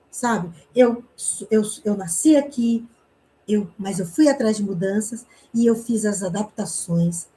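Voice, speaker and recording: A Brazilian woman from Paraná teaching an online communication class, telling a personal story in a chatty way, with frequent tag questions and quick snatches of reenacted dialogue. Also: fairly high pitch, warm tone, poor audio. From Brazil, interior of Paraná.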